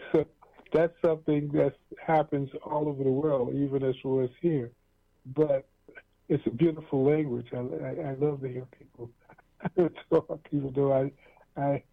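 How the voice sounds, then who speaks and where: Heard in tinny lo-fi radio sound, a man with a mid-range voice and vocal fry hosts a talk show. He chats casually with his guest in a rambling, relaxed way, often restarting, leaning on fillers and chuckling.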